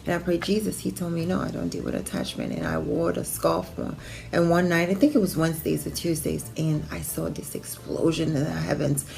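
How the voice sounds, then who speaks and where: A middle-aged woman from Haiti, a producer and actress, telling her life story in a relaxed way, with fillers and restarts, in a personal bio monologue. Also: sits low, fairly quick, gravelly. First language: Haitian Creole or French.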